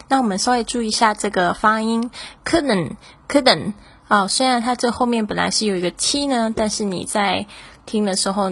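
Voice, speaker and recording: A woman teaching English, explaining phrases and repeating words slowly, with frequent fillers. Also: medium pitch, fairly bright tone, husky. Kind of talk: language lesson explanation.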